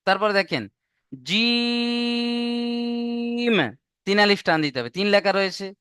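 A man's voice: sits high, expressive, quick pace, a bit bright, clear, resonant tone, no room sound, clean studio sound. A man teaching an online Arabic alphabet class, patiently repeating each letter, drawing out the sounds and quizzing his students. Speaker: Quran reading teacher.

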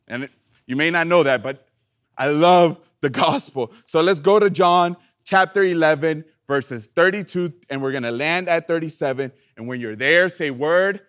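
A young man preaching a youth sermon, lively and playful, calling on the audience to answer back. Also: fairly high pitch, normal speed. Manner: animated, playful, calls for audience response. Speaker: youth pastor.

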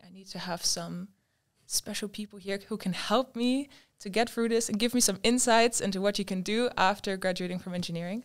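A young woman hosts a casual podcast interview, talking into a studio microphone. Her voice is smooth and clear at a middle pitch. She talks in a lively, expressive way. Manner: lively, gestures with both hands while talking. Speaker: podcast host. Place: room with large windows. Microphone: studio mic on a stand.

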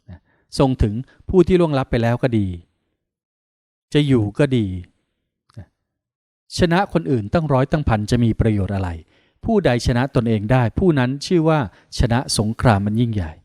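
A Buddhist monk from Thailand leads a guided meditation in a calm, unhurried voice of middling pitch. He gives soothing instructions with long pauses between phrases. The sound is dry and close, with no room echo.

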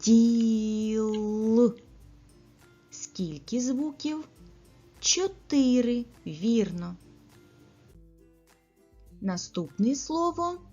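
Woman, preschool teacher, slow careful speech, lively singsong pitch, lo-fi recording. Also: slightly rough. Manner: slow, carefully articulated, pauses for children's answers. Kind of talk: speech lesson for young children.

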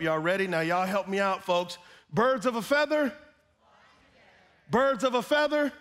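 A middle-aged man preaching a sermon on a church stage, animated and calling out to his congregation. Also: sits high. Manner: animated, gesturing, calls out to the congregation. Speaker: pastor. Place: large church stage with band gear.

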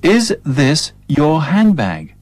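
A man voicing a polite man returning a lost handbag, in a slow, carefully enunciated English textbook dialogue. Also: a little high, huge pitch swings, a little mellow, dry recording, exaggerated voice.

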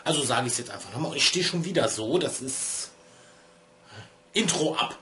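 Music plays in the background while a man in his thirties vlogs in an expressive mid-range voice at normal speed. He's a streamer in a small room at home lit by LED strips, a little stuffy from a cold, chatting and digressing and poking fun at himself.

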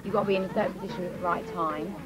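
A woman's voice: on the low side, fairly even intonation, rapid-fire, crowd noise, low-quality recording. A young woman chatting and teasing in a casual behind-the-scenes talk on a video set. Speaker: pop singer on a video shoot.

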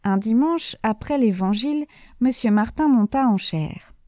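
A woman narrating an amateur audiobook in a measured, lightly expressive way. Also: on the high side, no room sound, clean studio sound. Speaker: audiobook reader.

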